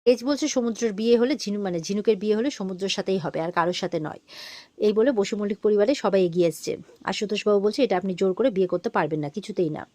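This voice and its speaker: In a rapid-fire, mid-range, slightly mellow voice on a dry recording, a woman casually recaps an episode of a TV serial as a storytelling narrator. She retells scenes by quoting the characters' lines and fills in frequently with "mane" and "iye".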